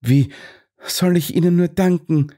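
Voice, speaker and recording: A man's voice: very high-pitched, animated, measured pace, breathy edge, pitched above the performer's own voice, exaggerated voice. A man voicing a flustered female lab assistant who shrieks and protests indignantly. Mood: relieved.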